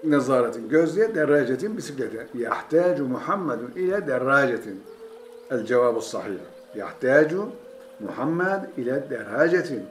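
A man with a Turkish accent teaches an Arabic reading word by word, patiently repeating each phrase before translating it. His pitch moves up and down a lot as he stresses words. The room is echoey, and faint music plays underneath. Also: very animated, normal speed. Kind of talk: reading and translating a text line by line.

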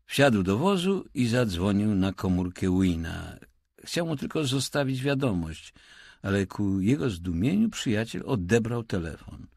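A man reads an audiobook aloud at an unhurried pace, measured and expressive. His voice is husky and the pitch moves in lively swings. The recording is dry and close. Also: no room sound. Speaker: audiobook narrator. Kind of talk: scripted narration.

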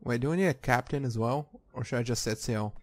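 A man's voice: medium pitch, fast, darkish tone, no room sound. A man giving casual, sweary playthrough commentary, reacting aloud as he plays a game. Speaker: gamer. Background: game music.

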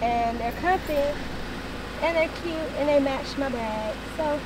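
A woman's voice: sits high, slow pace, noisy background. A woman in her thirties talking casually to camera, rambling and swearing, a little tearful, filming in a car and a parking lot on a camera mic. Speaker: vlogger. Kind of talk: casual vlog talk. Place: parked car, then outdoor parking lot.

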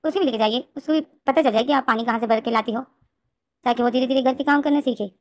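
A woman voicing a bossy, loud young man who keeps ordering others around in a scolding tone. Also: fairly high pitch, quick pace, close to an everyday voice. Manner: scolding, insistent.

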